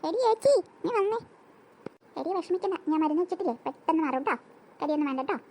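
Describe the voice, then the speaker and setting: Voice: extremely high pitch, expressive, fast talker, mellow, slight background noise. A performer voicing a bossy older sister girl who scolds and teases her sibling. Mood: scolding.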